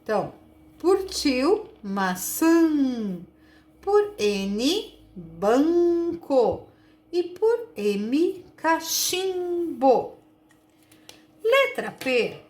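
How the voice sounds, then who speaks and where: A woman teacher with a Brazilian Portuguese accent, slowly and patiently sounding out words for young children in a recorded lesson. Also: high voice. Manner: slow, patient, sounds out words and stretches syllables. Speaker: primary school teacher.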